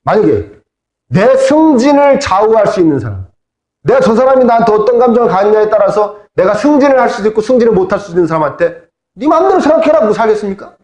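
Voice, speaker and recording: A man's voice: high voice, sing-song, fast talker, darkish tone. A middle-aged man preaching as a pastor, in a conversational sermon with humorous asides. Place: church sanctuary. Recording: echoey church hall.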